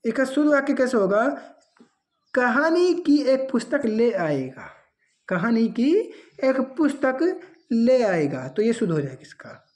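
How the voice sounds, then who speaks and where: A woman's voice: fairly high pitch, expressive, unhurried, a little mellow. A woman teaching an exam-prep grammar lesson, reading out answer options and then correcting them.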